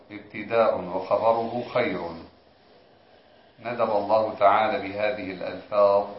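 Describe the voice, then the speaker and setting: A man reciting a classical commentary aloud in a formal, measured way during a religious lesson. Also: fairly low pitch. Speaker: student reading the text aloud. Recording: echoey room, dull lo-fi recording, faint noise.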